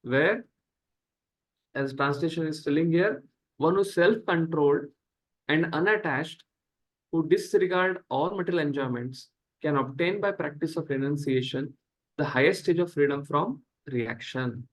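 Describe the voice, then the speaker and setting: A man with an Indian accent giving a scripture lecture as a spiritual teacher, slow and deliberate, halting often between short phrases. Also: fairly high pitch, poor audio. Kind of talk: scripture lecture over online class.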